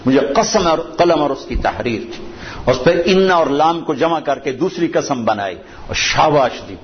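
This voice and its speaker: A man's voice: a little high, animated. Man preaching on an old lo-fi tape. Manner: storytelling with Quranic recitation in Arabic; emphatic, repeating key phrases. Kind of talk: sermon. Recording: old dull lo-fi recording with faint noise.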